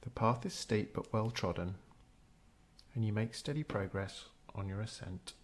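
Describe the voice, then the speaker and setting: This is a man with a lowish voice, guiding listeners through a scripted meditation. He tells it slowly and deliberately, like a story.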